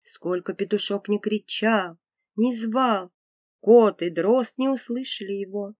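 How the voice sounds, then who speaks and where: A woman storyteller narrating a folk fairy tale in an unhurried, expressive manner. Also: mid-range voice, dry recording.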